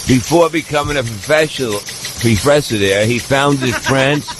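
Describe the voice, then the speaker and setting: As the news reader of a comedy show, a man reads a mock newscast aloud, tripping over and mispronouncing words. He has a medium-pitched voice at a moderate pace, with background noise.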